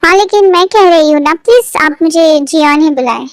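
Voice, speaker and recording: A woman's voice: high voice, fairly quick, no room sound, clean studio sound, lightly acted. A woman voicing a kind, teasing young woman boss in a fan fiction story read aloud.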